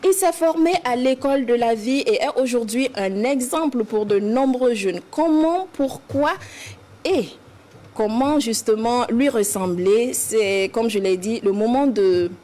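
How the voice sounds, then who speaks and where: A woman's voice: a little high, a little slow, mellow. A woman presenting and interviewing as a talk show host, in rhetorical phrases with lists and repetition. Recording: clear background noise.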